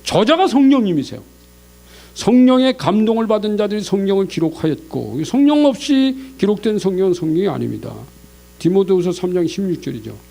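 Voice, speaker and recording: A male pastor preaching a Sunday sermon in a lively way, breaking into God's scolding voice and chuckling between points. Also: high voice, brisk, vocal fry. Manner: animated, acts out God's scolding voice. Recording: mains hum in the background.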